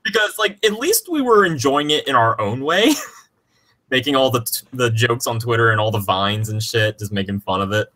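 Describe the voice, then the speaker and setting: A man co-hosting a podcast in casual chat, animated and teasing, laughing often. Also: medium pitch, normal speed. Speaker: podcast co-host.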